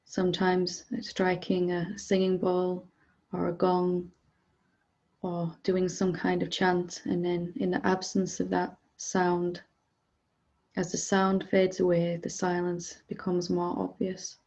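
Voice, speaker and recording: A woman teaching a guided meditation speaks softly and calmly, giving gentle instructions with unhurried pauses. Her voice is on the low side, and the audio sounds dull.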